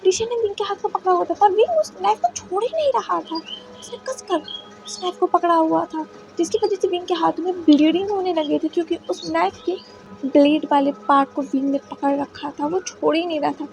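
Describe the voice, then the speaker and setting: A woman's voice: very high-pitched, a little fast, creaky, over music, low-quality recording. A woman narrating a fan fiction story in a dramatic retelling. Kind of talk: fanfiction narration.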